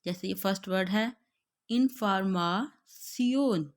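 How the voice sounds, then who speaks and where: Slow, careful Pakistani woman teacher. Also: medium pitch. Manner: drawn-out, carefully spelled-out words, glossing each in Urdu. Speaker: German language teacher. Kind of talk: slow pronunciation lesson, repeating each word.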